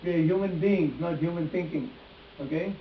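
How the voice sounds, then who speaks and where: Running a live demonstration, this male face reading instructor talks straight to his volunteers with emphasis, often repeating phrases. He speaks at a moderate pace in a fairly high voice. The audio sounds muffled, hissy and distant, with room echo.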